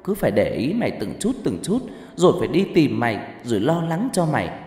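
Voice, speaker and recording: A man voicing a desperate young woman who shouts and scolds her friend in a fast, forceful rush. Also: medium pitch, big pitch swings, close to an everyday voice. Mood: angry. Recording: echoey reverberant room, faint music.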